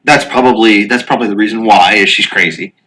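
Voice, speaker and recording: A podcast co-host in casual chat, chiming in with quick quips. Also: mid-range voice, a bit bright, rough recording.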